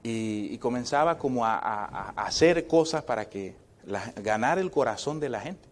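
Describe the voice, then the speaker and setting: A man's voice: medium pitch, expressive, moderate pace. A man, a pastor, preaching a conversational sermon in a church. He keeps checking in with the congregation through short tag questions and slips in joking asides.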